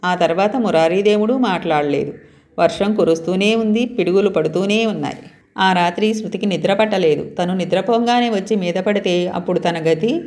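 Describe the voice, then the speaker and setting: A woman storyteller reading a tale aloud in a calm and steady way. Her voice sits at a middle pitch.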